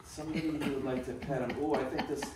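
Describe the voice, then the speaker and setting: A woman's voice: extremely low pitch, steady tone, fast talker, a loud crowd. A woman performing as a kids' party magician, playfully coaxing and instructing children through live magic show patter. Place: indoor children's birthday party. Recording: echoey noisy room, distant microphone.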